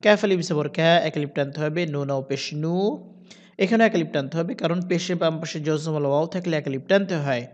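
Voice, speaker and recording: A man teaching Quran recitation, spelling out letters and vowel marks one by one and then chanting the verses slowly. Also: fairly high pitch. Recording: dull lo-fi sound.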